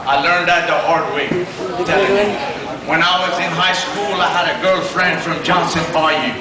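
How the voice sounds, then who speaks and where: A man's voice: a little high, fairly even intonation, moderate pace. A man from south Louisiana with a Cajun accent tells folksy, loose, drawling stand-up stories to a live crowd. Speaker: stand-up comedian. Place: live comedy room with audience. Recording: echoey noisy club, far off, loud crowd.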